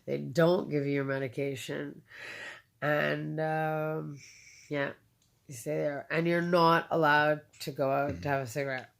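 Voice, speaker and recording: A woman speaks in a somewhat low register with a rough, gravelly edge. She tells her own story in conversation, pausing on fillers and repeating key phrases for emphasis. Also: level tone. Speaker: interviewee.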